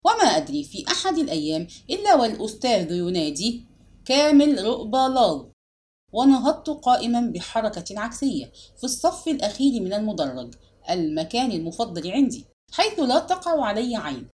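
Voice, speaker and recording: A woman narrating a literary story aloud in a measured, expressive reading style. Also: medium pitch.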